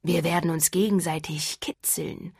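A woman voicing a grumpy male dragon, tired of fighting, who speaks slowly and drawn out. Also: fairly low pitch, animated, slightly rough, no room sound, clean studio sound, heavily acted. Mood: playful.

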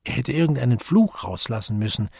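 A man voicing a brisk, questioning young gentleman in a story. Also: mid-range voice, sing-song, creaky, slightly rough, no room sound, studio quality, exaggerated voice.

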